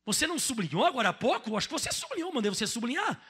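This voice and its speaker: A Brazilian man preaching a sermon with a Brazilian Portuguese accent, swinging between shouted emphasis and quiet passages. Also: extremely high pitch, very animated, very fast, breathy edge. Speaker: pastor.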